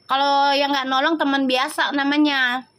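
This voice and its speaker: A woman's voice: high-pitched, little pitch movement, moderate pace, fairly bright tone. A woman, chatting on a live stream and scolding viewer comments in a sassy, slangy way. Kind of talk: casual live-stream chat reading comments.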